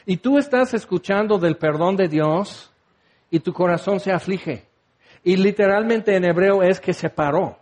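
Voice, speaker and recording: A male preacher with a notably high voice delivers an impassioned sermon. He keeps turning to his listeners with direct questions and slips into the voices of biblical figures as he retells their words. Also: unhurried, a little mellow.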